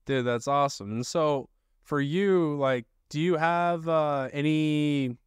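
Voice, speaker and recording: A young man with a clear, resonant, high-leaning voice speaks slowly, with no room sound. He's a podcast host asking loose, filler-heavy questions in a casual video-call interview, using a boom-arm studio mic in his home studio room with a desk.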